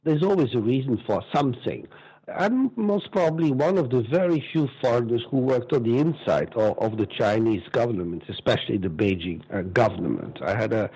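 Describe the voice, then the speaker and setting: His voice is mid-range and dark with a breathy edge, moving at a moderate pace with lively intonation, on a rough recording. He is an interview guest in his sixties with a Belgian accent, telling stories emphatically, voicing strong opinions and repeating words as he talks.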